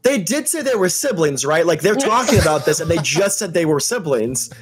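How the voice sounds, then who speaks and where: A man in his late twenties speaks as a podcast guest with a slightly higher voice. He tells his stories in an easygoing, conversational way. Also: very animated, brisk, slightly rough. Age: 20s. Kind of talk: casual chat.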